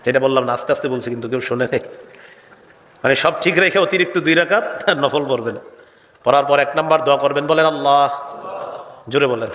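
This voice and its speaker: A man's voice: medium pitch, fast talker, fairly bright tone, long reverb tail, a little hiss or hum. A man preaching a sermon, leading the crowd in call-and-response with sing-song chanting.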